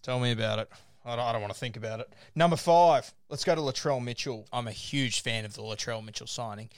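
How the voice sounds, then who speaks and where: A man's voice: mid-range voice, fast, clean tone, dry recording. Australian man hosting, close dry sound. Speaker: podcast host. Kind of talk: casual sports discussion, running through a ranked list.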